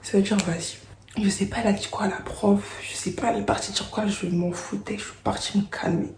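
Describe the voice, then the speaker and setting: Young woman, storytime vlog, slangy, whispered asides, mellow, roomy echo. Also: mid-range voice, steady tone, a little fast, slight background noise. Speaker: vlogger.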